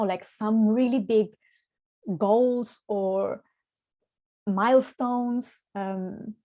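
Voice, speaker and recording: A woman in her early forties leads a live workshop over a video call, with a relaxed, mellow voice that sits at a middling pitch. She talks in a reflective, searching way, often restarting and repeating words as she gathers her thoughts. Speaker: workshop host and spiritual coach. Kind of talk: live online workshop talk.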